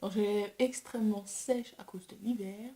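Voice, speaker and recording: A woman's voice: mid-range voice, steady tone, a little fast, dark tone, reverberant. A young woman vlogger chatting casually and self-deprecatingly while testing makeup. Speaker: beauty vlogger. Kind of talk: casual chat.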